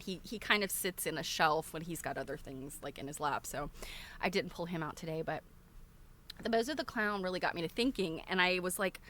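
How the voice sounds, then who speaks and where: This woman hosts a livestream, talking casually and rambling to regulars with frequent bursts of laughter. Her mid-range voice sounds bright and forceful.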